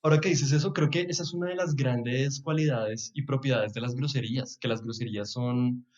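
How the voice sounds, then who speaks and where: On a casual podcast, a young guest from Bogotá muses aloud in his native Colombian Spanish accent, laughing softly and letting his thoughts drift into quiet asides. He talks briskly at a medium pitch, and the audio is somewhat dull and lo-fi.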